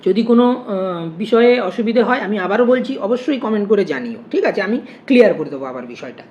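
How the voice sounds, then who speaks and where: Expressive and quick, a woman with a medium-pitched, dark-toned voice teaches an online grammar lesson, working through it stepwise and answering her own questions. Faint noise sits under a muffled, lo-fi recording.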